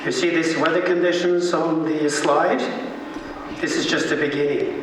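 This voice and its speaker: A man giving a conference speech in measured, deliberate phrases. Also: on the high side, fairly even intonation, noisy background. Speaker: conference speaker. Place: large conference hall. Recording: echoey hall, from far off.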